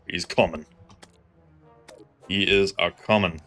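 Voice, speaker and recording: Excitable low-voiced man streaming a game. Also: slow pace, soft background music. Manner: self-deprecating, excitable, groans and pleads at the game. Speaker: gaming streamer. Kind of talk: live gameplay commentary.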